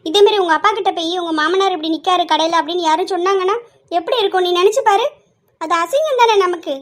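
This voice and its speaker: Lady playing a nagging mom, super high squeaky voice, ranting nonstop at grandpa. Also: quick pace. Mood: aggrieved. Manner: scolding, ranting, sharp rhetorical questions. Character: fierce, nagging middle-aged mother, bitter scold. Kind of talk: homemade family skit acting.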